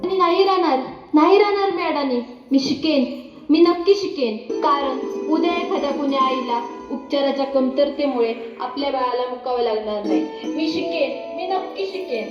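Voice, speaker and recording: A woman's voice: high voice, moderate pace, close to an everyday voice. A performer playing an anxious, devoted young village mother in a school stage play, pleading with an emotional delivery. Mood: determined. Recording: echoey hall, dull sound, faint music.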